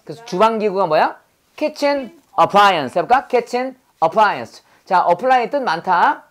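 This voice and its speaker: A middle-aged male pastor with a high-pitched, animated, fairly bright voice takes his time teaching English vocabulary. He drills words, poses quiz questions, corrects pronunciation, and has the class repeat after him in a call-and-response lesson.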